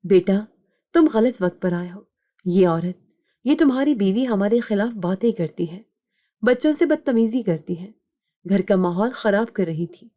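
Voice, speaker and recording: A woman voicing a harsh, commanding older mother-in-law in a spoken story, scolding in a sharp tone. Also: mid-range voice, expressive, close to an everyday voice. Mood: defensive.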